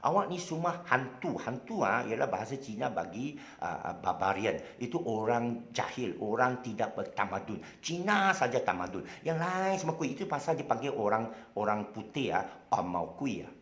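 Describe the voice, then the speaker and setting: A man's voice: medium pitch, very animated, normal speed, few pauses, a bit bright. A man with a Malaysian accent gives a casual, rambling history talk, dotted with "ah" fillers. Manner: rambling, heavy on "ah" fillers, colloquial. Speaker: lecturer. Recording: roomy echo.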